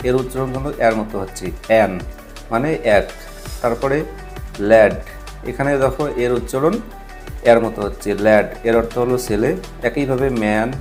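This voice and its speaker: A man explains English pronunciation rules at a patient, steady pace. He reads each example word aloud and repeats it. A faint musical bed sits low under his middle-pitched voice. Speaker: English teacher.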